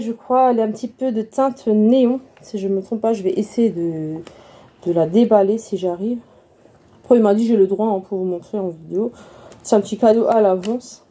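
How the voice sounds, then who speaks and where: Chatty woman with a very warm voice. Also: on the high side. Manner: chatty, repeats words, many fillers. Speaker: beauty vlogger. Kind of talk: casual haul video. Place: room at home.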